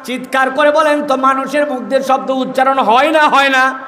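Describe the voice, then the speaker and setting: A high-voiced man preaches a sermon, stretching Quranic verses into slow chanted melodies and calling out to the listeners. His voice rings with a long hall-like reverb over a faint background murmur. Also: steady tone, pushed and bright, slight background noise. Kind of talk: Bengali waz sermon.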